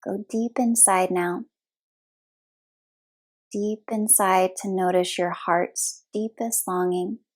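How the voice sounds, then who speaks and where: With a steady, mid-range voice, a yoga nidra teacher walks listeners through guided relaxation. She keeps her phrases short and gentle, pausing at length between each.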